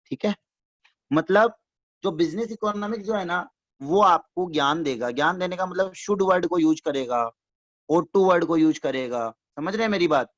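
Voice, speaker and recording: A man's voice: sits high, moderate pace. A man teaching an economics lesson who explains by repetition and keeps quizzing his listeners with check-in questions, addressing them fondly as his students. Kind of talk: classroom-style lecture. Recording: dull lo-fi dry recording.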